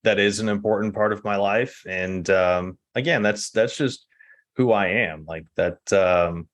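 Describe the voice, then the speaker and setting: A man from Texas, a podcast guest, speaking in a relaxed, reflective way and laughing easily. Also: lowish voice, unhurried. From Texas, United States. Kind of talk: casual conversational interview.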